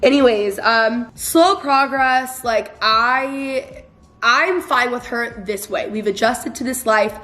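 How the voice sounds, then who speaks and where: Young woman, chatty vlog talk, slightly high voice, echoey garage. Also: slow, a bit bright. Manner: chatty, filler-heavy, self-mocking. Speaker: vlogger. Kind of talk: casual vlog chat. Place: home garage.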